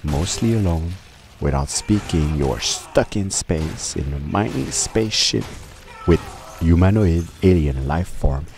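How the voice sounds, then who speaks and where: A man giving live reaction commentary and critique over gameplay, pausing to analyze, then repeating words in bursts of mock outrage. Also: low voice, expressive, vocal fry, a little mellow. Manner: deliberate, analytical critique with pauses. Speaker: video game reviewer.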